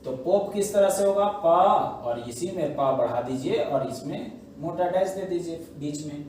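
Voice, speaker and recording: A man's voice: on the high side, moderate pace, warm tone, a little hiss or hum. A man teaching shorthand, explaining step by step in a patient classroom manner and answering his own questions. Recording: echoey room, voice from a distance.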